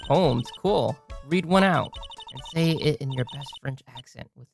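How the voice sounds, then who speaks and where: A woman's voice: very deep voice, measured pace, vocal fry, a little mellow, faint music behind, exaggerated voice. A woman voicing a cheerful, teasing young woman sidekick in an amateur fan dub of a video game. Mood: playful. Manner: playful and teasing.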